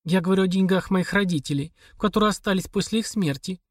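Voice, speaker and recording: A man raising his voice high to play a worn-down, bitter wife who speaks in a hoarse, rustling half-whisper. She pleads and accuses through the strain, pitched well above a man's usual talk, and the dry recording keeps the voice close. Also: fast talker, no room sound. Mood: pleading. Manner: pleading then hissing with hatred.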